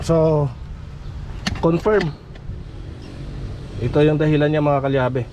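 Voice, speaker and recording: Male mechanic vlogger over clear background noise. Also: fairly high pitch, fairly even intonation, slow, dark tone. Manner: short, fragmented remarks while working. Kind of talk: casual hands-on repair commentary. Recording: noisy, vehicle sounds behind.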